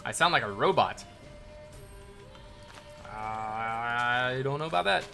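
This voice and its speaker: A man with a bright, forceful voice hosts a live stream, thanking new followers and rambling through viewer questions. His relaxed talk drifts from topic to topic, with faint game music playing under it. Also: mid-range voice, slow pace, gravelly. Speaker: livestream host building in a game. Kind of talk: casual live commentary reading chat. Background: faint game soundtrack music.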